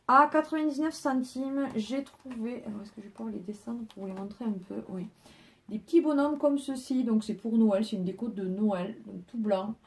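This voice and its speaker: A woman's voice: on the high side, a little mellow. Chatty woman showing off her haul. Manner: chatty, talks her viewers through each item. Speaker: haul vlogger. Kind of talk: casual chat, showing purchases to camera.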